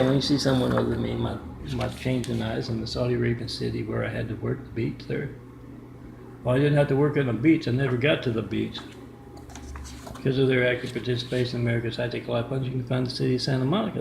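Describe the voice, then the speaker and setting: A man with a medium-pitched, gravelly voice talks quickly in a rambling vlog to the camera, often restarting and reading out numbers and addresses. He's recorded on a camera mic in an apartment with a kitchen, and the sound is reverberant with background noise.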